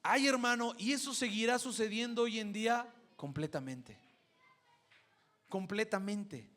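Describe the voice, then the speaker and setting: A man's voice: high-pitched, measured pace, fairly bright tone. A man preaching a sermon, telling a classroom story and acting out the parents he quotes. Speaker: preacher and schoolteacher.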